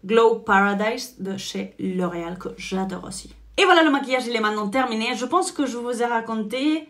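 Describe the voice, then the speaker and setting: A woman's voice: fairly high pitch, lively intonation, normal speed, fairly bright tone. Chatty woman with a spanish-tinged accent. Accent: Spanish-influenced French. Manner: chatty, frequent "en fait" fillers. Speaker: beauty vlogger. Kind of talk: casual makeup tutorial chat.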